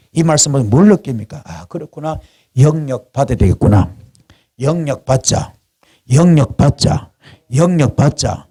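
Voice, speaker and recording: A husky-voiced man preaches a fervent sermon, neither high nor low in pitch. He hammers phrases again and again in chant-like runs and climbs to sharp, emphatic peaks. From South Korea. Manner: fervent, repeats chant-like calls, rises to sharp climaxes. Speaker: pastor. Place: prayer house.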